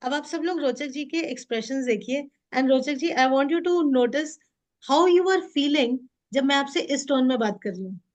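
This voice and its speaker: A woman's voice: high voice, unhurried. A woman in her forties, a mindset coach, leading an interactive training session and switching between Hindi and English. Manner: mixes Hindi and English, animated and demonstrative.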